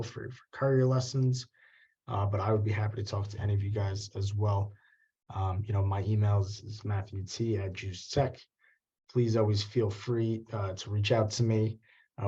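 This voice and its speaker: Male trainer, low mellow voice, easygoing and rambling, heard through a muffled video call. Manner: casual, loose, many fillers and restarts. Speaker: software trainer hosting office hours. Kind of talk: live webinar walkthrough.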